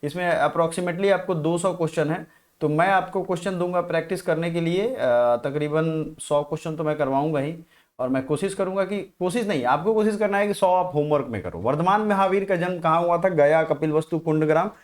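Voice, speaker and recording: A man's voice: on the high side, fairly quick. A man teaching a live online exam-prep class, firing questions at viewers, answering them and reading their comments.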